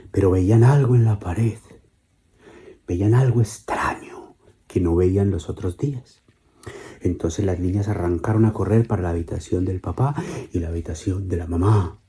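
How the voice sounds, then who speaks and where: Husky low-voiced man telling a bedtime story. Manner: slow, gentle, repetitive telling. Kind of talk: children's bedtime story narration.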